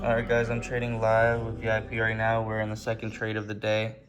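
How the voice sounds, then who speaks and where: A man's voice: on the low side, completely flat delivery, brisk. A man talking casually to camera as a vlogger, addressing his viewers in a motivational, informal way. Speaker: vlogger and day trader. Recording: loud music over the voice. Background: loud music.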